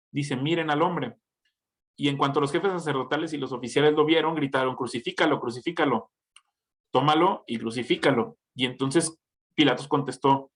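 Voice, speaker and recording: A man giving an informal Bible reflection, talking conversationally, dropping questioning asides and correcting himself as he goes. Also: fairly high pitch. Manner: conversational, tags points with questioning asides, frequent self-corrections. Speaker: Bible teacher.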